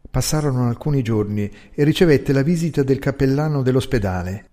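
A man narrating a literary story in a measured, expressive reading. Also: medium pitch. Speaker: audiobook narrator.

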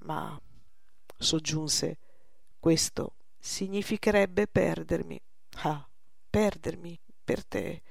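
A woman's voice: deep voice, slow, creaky, pauses often, dry recording, studio quality, full character voice. A woman voicing a young woman in love, earnest and spirited. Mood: torn. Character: young woman, proud and devoted lover.

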